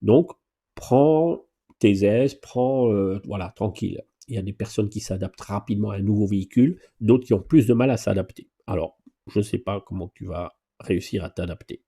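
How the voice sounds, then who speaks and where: A man's voice: fairly low pitch, quick pace, vocal fry, breathy edge. A man giving a casual live question-and-answer driving lesson as an instructor, talking to viewers in a familiar, chatty way with playful exclamations. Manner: lively exclamations and playful asides.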